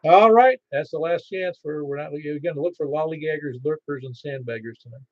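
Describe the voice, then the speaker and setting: A man acting as net controller on amateur radio, calling for check-ins haltingly and repeating call signs in phonetics. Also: on the high side, a little mellow, slight background noise. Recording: dull, band-limited ham radio audio.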